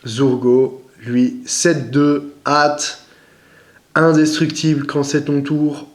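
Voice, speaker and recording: A man's voice: on the high side, flat delivery, drawn-out words. A young man chatting casually as he opens and rates cards, hesitant, with frequent fillers and apologies. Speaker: card-opening vlogger. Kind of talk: casual unboxing commentary.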